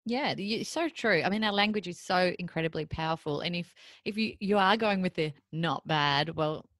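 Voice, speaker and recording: A woman's voice: lowish voice, moderate pace, fairly bright tone, no room sound, studio quality. A woman hosting a podcast interview, affirming and reflective as she asks questions. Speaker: podcast host.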